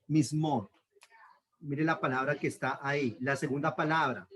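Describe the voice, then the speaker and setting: A man's voice: fairly high pitch, steady tone, moderate pace, fairly bright tone. A man teaching a Bible lesson on Hebrew accent marks, explaining patiently, repeating key terms and checking in with his listeners.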